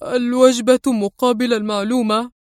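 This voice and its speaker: A woman's voice: on the high side, little pitch movement, normal speed, a little mellow, no room sound, clean studio sound, close to an everyday voice. A woman voicing a proud, hungry male prisoner who speaks sternly and with scorn. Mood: defiant. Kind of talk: audiobook character reading.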